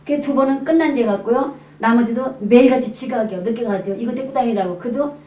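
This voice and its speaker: Fast-talking woman preacher in echoey hall. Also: a little high. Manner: lively storytelling, acting out quoted dialogue. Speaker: evangelist preacher. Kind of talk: testimony sermon to a congregation. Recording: echoey hall, mic at a distance.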